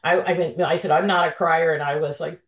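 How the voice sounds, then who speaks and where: A woman's voice: deep voice, steady tone, fairly quick, echoey room. A woman joining a video call, sharing a personal story emotionally, with many fillers and restarts. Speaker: participant.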